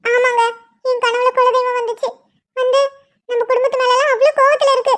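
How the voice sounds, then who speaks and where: A woman's voice: very high-pitched, little pitch movement, a little fast, fairly bright tone, voice pushed up. A woman voicing a worried, devout grandmother in a cartoon, with a pleading manner. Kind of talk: cartoon voice acting.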